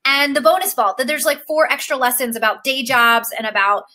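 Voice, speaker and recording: Gushing high-pitched woman coach. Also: fairly quick, bright, forceful tone. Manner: gushing, emotional, filler-heavy with frequent "like". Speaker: acting career coach. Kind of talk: live-stream course pitch.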